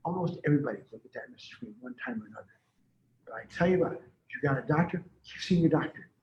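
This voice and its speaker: A man's voice: a little high, expressive, fast. A man in his seventies who talks readily and rambles, speaking casually as a healer being interviewed. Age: 70s. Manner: rambling and talkative. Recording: echoey room, dull lo-fi sound.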